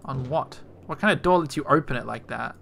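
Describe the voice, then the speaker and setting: A man's voice: medium pitch, a little fast, creaky, fairly bright tone, a little hiss or hum. A man commentating as he plays a video game, joking, chatty and talking back to the game. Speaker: game player. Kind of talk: let's play commentary.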